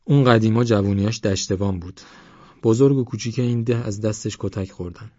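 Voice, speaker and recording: A man's voice: on the low side, a little mellow, no echo, muffled recording, close to an everyday voice. A man voicing a cocky, boastful village girl. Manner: cocky, chatty, know-it-all.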